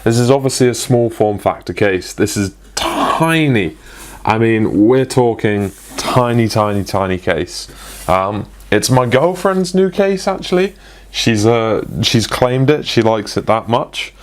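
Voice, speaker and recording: A man's voice: fairly low pitch, lively intonation, measured pace. A young man presenting a casual tech product review, chatty and full of ums and restarts.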